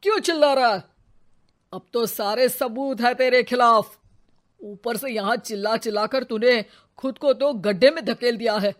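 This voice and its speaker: A woman's voice: high voice, moderate pace, lightly acted. A woman voicing a blunt scolding police officer. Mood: stern. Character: stern male police officer.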